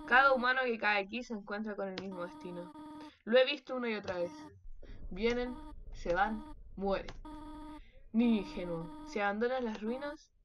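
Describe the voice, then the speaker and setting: A woman voicing a gentle but stern motherly goat woman, reading the game's lines in a soft, measured way, with faint game music behind. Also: mid-range voice, lightly acted.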